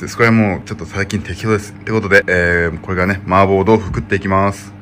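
A young man in his twenties, a bodybuilding vlogger at home, rambling casually about his day with a relaxed, self-mocking air. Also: deep voice, fairly quick, slight background noise. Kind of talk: casual daily vlog talk.

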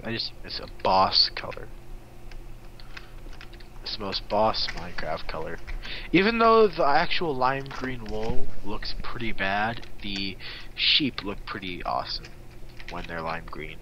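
A man's voice: lowish voice, sing-song, measured pace, sharp tone, slight background noise, poor audio. A young man casually commenting on a block-building game while teasing his friend. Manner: teasing, playful banter. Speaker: gaming co-host.

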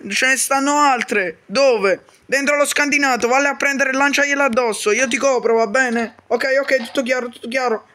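A man with a strikingly high voice performs every part of a comedic game role-play himself. His tone is bright and sharp. He rattles through quick, foul-mouthed bickering that often bursts into shouts. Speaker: YouTuber voicing all characters.

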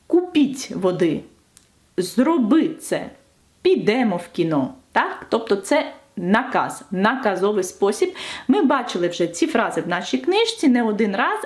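A woman's voice: fairly high pitch, darkish tone. A woman teacher explaining French grammar in a video lesson, stressing each example.

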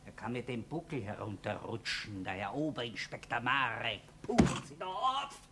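An actor playing an aggrieved middle-aged Austrian police subordinate grumbling colloquially in a TV crime drama. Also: male voice, mid-range voice, very animated, normal speed. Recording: very noisy old television soundtrack.

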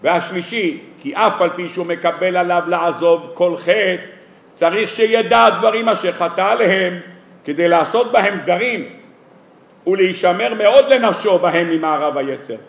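A rabbi giving a weekly sermon to an audience, lively and humorous, firing off rhetorical questions and acting out everyday dialogues. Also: male voice, sits high, gravelly. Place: lecture hall or synagogue. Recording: echoey hall sound.

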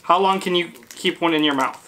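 A man's voice: fairly high pitch, a little fast, sharp tone, slight background noise. Man, thirties, casual family-vlog host and dad, living-room camera sound. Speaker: YouTube host and father. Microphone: camera mic a few feet away.

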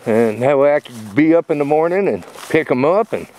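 A man's voice: on the high side, lively intonation, brisk, a little mellow, slight background noise. A middle-aged man vlogging in a casual ramble with many fillers, walking a wooded trail and filming himself on a handheld camera. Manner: rambling, lots of fillers and restarts; walking while talking. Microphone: phone camera held at arm's length.

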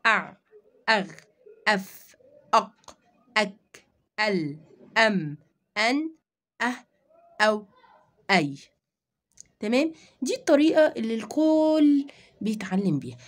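An Egyptian woman teaches children to read and takes them through each step. She puts questions to herself and then answers them. She drags single sounds out slowly so the children can follow. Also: fairly high pitch, a little mellow. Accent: Egyptian Arabic. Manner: explains step by step, asking and answering her own questions; sounds out letters slowly and drawn out. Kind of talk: children's reading lesson.

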